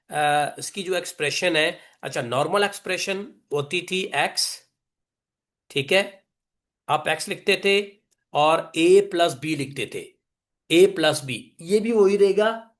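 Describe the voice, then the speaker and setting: A man teaching a class, speaking deliberately, repeating definitions and mixing English phrases into his talk. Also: a little high, a bit bright. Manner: mixes English phrases into Hindi. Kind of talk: online class lecture.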